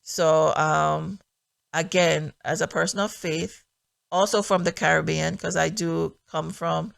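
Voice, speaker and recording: A middle-aged woman speaks with a heavily gravelly, fry-laden voice, earnest and reflective, pausing often as she shares her testimony. The sound is close and dry, with no room around it. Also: low voice, fairly even intonation, dry recording. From Jamaica. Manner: earnest, reflective, many filler pauses. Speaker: podcast host and minister. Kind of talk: personal testimony podcast.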